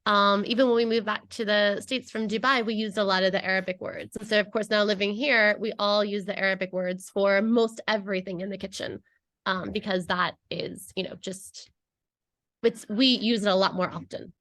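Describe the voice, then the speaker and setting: A woman's voice: mid-range voice, steady tone, moderate pace, fairly bright tone. A woman chatting casually as an interview guest, explaining things conversationally and often checking in with the listener. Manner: chatty, explanatory, peppers talk with "you know" and "right?". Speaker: podcast guest, language educator.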